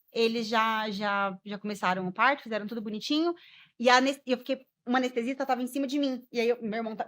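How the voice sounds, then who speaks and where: A woman's voice: high-pitched, a bit bright. A woman, a guest mother telling her personal story expressively, acting out the dialogue and laughing along the way.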